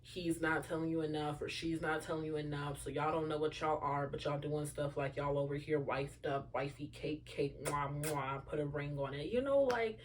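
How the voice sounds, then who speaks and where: A woman's voice: deep voice, steady tone, moderate pace, hardly any pauses. A young woman in her early twenties hosting a casual solo chat show, talking to listeners with lots of fillers and asides. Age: young adult. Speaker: podcast host.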